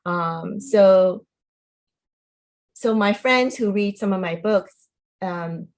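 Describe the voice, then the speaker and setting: A woman author being interviewed, modest and cheerful, laughing often and filling her pauses with ums. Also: mid-range voice. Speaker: author guest. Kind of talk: casual interview.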